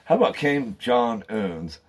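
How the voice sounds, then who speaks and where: A man's voice: mid-range voice, big pitch swings, slow. A man hosting his own channel, delivering a rambling, fervent monologue and calling out to viewers as guys and man. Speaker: channel host.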